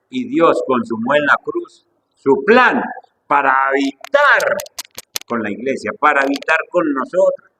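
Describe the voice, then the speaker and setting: A male preacher with a husky voice, delivering an impassioned sermon that swings between soft asides and fervent high peaks. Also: poor audio. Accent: Colombian Spanish.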